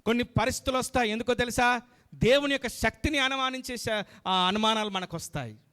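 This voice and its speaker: A man delivers a church sermon in a high-pitched voice. He speaks straight to the congregation, asks them questions again and again, and calls on them to answer amen. English words and phrases turn up often in his preaching. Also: quick pace, pushed and bright. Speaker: pastor.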